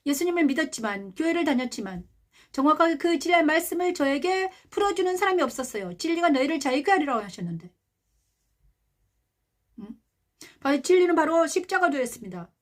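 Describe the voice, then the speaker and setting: A middle-aged woman pastor giving a sermon, emphatic, asking rhetorical questions and softly voicing tender words of comfort. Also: high voice, expressive, a little fast. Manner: softly quotes a gentle, loving voice of God.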